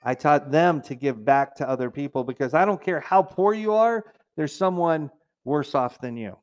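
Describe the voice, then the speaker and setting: A man's voice: on the high side, animated, normal speed, darkish tone. Conversational middle-aged male preacher. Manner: conversational preaching, mimics complainers in a raised whiny voice. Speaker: pastor. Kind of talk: sermon.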